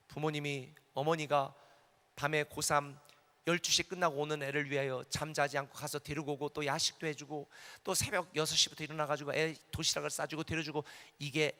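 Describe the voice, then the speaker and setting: A middle-aged male pastor preaching a sermon, moving between quiet confessional testimony and loud, fervent declarations. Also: on the high side. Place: large hall at a conference. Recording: echoey hall with long reverb.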